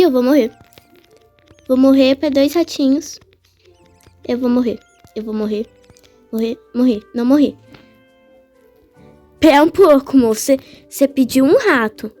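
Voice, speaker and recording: A woman with a high, bright-sounding voice narrates her gameplay in a loose, chatty way. She teases and questions the characters as if they could hear her. Soft game music runs faintly underneath. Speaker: gaming channel host. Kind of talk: casual gameplay commentary.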